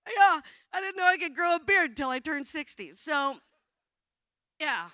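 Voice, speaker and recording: A woman in her sixties gives a playful, self-mocking talk from a conference stage and coaches the crowd. Her voice is bright and sits a little high, and it swoops widely in pitch. The sound is close and dry. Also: lively intonation, unhurried, no echo. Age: 60s. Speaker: theater director giving a talk. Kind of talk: comic motivational stage talk. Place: conference stage before an audience.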